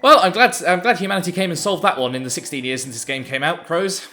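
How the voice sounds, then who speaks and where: A man's voice: fairly high pitch, quick pace, sharp tone, soft background music. A man giving casual, amused commentary over a video game playthrough, with frequent ums and uhs. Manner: chatty, amused, hesitant with many ums. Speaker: let's play commentator.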